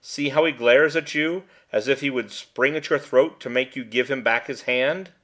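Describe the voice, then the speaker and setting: A man's voice: mid-range voice, moderate pace, fairly bright tone, lightly acted. A man reading aloud, voicing a gravedigger who mocks and taunts. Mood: mocking. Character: jeering male gravedigger, mocking.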